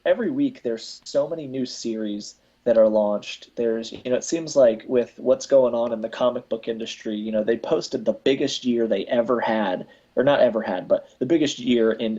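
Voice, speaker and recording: A man's voice: medium pitch, moderate pace, few pauses, mellow, husky, dull audio. A man hosting a casual live podcast, rambling with many restarts. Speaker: podcast host.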